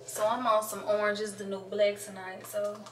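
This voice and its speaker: Far from the mic, her mid-range, slightly bright voice moves little in pitch at a moderate pace. Getting ready to go out, this young vlogger keeps up casual, sassy, playful chatter full of slang and "honey," recorded handheld or from a step away in a small, echoey indoor bathroom with faint background noise.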